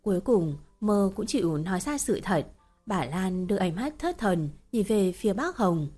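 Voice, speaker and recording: A woman narrating a story in a steady, even storytelling voice. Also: mid-range voice, moderate pace, slightly rough, faint music behind.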